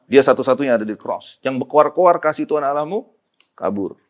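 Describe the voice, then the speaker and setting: A man's voice: medium pitch, animated, brisk. Emphatic man preaching. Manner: mixes slang and English, rises to loud emphatic peaks. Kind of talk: sermon.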